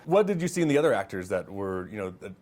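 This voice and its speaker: A man's voice: fairly low pitch, very animated, quick pace, crowd noise. A man hosting a film review show, chatting casually and interviewing guests, with chatty fillers and easy laughs.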